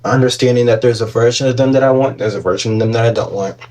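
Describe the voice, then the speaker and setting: A man's voice: mid-range voice, steady tone, quick pace, darkish tone. A man giving casual manifestation advice on a live stream, reading viewer comments aloud and answering them in a chatty way full of fillers, into a phone.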